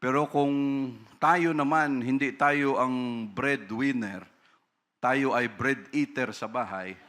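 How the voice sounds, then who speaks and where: A man's voice: mid-range voice, takes it slowly, fairly bright tone. A male pastor preaching a conversational sermon, switching between Tagalog and English and tagging sentences with a questioning "no?". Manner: conversational preaching, frequent tag "no?"; acts out quoted voices.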